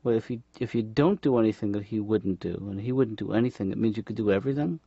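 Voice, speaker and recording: An actor playing a cartoon therapist, speaking in a deadpan, mumbling way in a dull, dry recording. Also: male voice, lowish voice, fast, vocal fry, slightly rough, no room sound. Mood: mild. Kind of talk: animated sitcom dialogue. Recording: dull dry lo-fi studio track.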